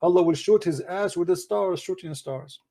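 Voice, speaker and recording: A native Arabic-speaking man debates casually in a voice that sits high, at a normal speed. Animated and teasing, he presses his points and pushes his voice up for emphasis.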